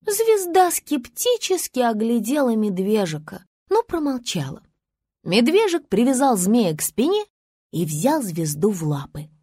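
A woman narrating a children's story in a lively, expressive way. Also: a little high, a little slow, husky, dry recording, studio quality. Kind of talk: storybook reading.

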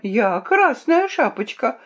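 A woman's voice: a little high, very animated, slow, fairly bright tone, voice pushed up, heavily acted. A woman voicing a small crying boy who sobs as he speaks, in a dull lo-fi audiobook recording. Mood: tearful.

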